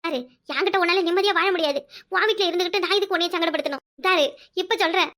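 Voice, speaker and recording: A woman voicing a quarrelsome, sharp-tongued village wife in a cartoon, with a Kanyakumari Tamil accent, scolding in rapid complaints. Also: extremely high pitch. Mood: defiant. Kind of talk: cartoon voice acting.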